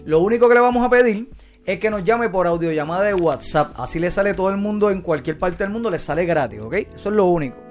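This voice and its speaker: A man's voice: high voice, lively intonation, quick pace, soft background music. A man hosting a casual call-in talk show, joking and slangy. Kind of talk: casual interview chat.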